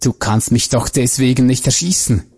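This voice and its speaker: A coarse cheating husband who blusters and sneers, as a man reads him. The voice is husky and dark. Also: mid-range voice, normal speed. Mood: scornful. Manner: blustering, pressed out.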